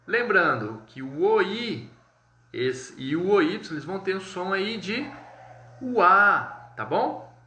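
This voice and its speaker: A man with a Brazilian Portuguese accent teaching a live online French lesson, explaining step by step, checking in often with viewers and saying French words slowly and clearly. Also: high voice, big pitch swings, pushed and bright, a little hiss or hum. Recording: echoey room.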